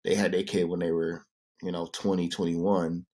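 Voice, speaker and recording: Low-voiced man in his thirties chatting. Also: normal speed. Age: 30s. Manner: relaxed storytelling, many fillers. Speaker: podcast co-host. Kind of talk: casual chat.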